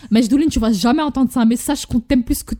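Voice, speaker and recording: A young woman from Morocco with a Moroccan accent, hosting a casual podcast chat and telling stories in a lively way, slipping in Darija and English words. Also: on the high side, a little fast. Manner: animated storytelling, mixing in Darija and English words. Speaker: podcast host.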